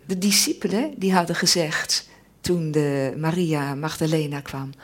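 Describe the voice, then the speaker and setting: A woman preacher giving a sermon, slow and emphatic, often dropping into an intense whisper. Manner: slow and emphatic, with lively swings of pitch.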